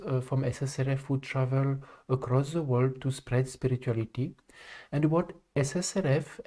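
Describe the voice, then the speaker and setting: A man from France, hosting a live spiritual talk in a calm, halting way with frequent pauses. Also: mid-range voice. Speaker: live stream host and spiritual speaker. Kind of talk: live stream talk to viewers.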